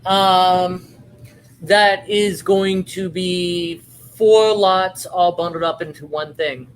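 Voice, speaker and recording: A man hosting a live-stream sale, giving a playful, hammy home-shopping style sales pitch with chatty patter. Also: steady tone, takes it slowly, slight background noise, low-quality recording.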